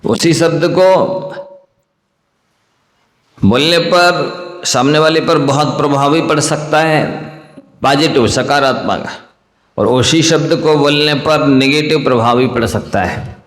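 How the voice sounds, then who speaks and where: Male monk preacher, unhurried sermon delivery, repeats phrases, echoey reverberant hall. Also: on the high side, fairly bright tone. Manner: slow, deliberate, repeats key phrases.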